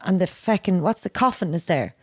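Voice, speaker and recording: A young Irish woman co-hosting a casual podcast has a lowish voice with a breathy edge and talks a little fast. The echo-free, studio-quality audio captures her lively, crude, rambling storytelling and frequent laughter.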